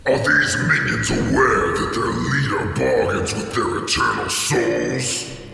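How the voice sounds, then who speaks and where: An echoing, slumbering god of the dead. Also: male voice, mid-range voice, fairly even intonation, slow pace, vocal fry, sharp tone, exaggerated voice. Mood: solemn, imperious. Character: Anubis, ancient male god of the dead, solemn, irritable, half-asleep. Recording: cavernous long reverb over music.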